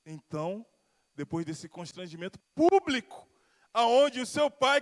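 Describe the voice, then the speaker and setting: This Carioca pastor from Rio de Janeiro delivers a sermon with personal testimony inside a church sanctuary, using a slightly bright voice that sits high for a man. His pitch and volume rise and fall as he stretches out the words he wants to land. A lengthy hall reverb lingers behind him.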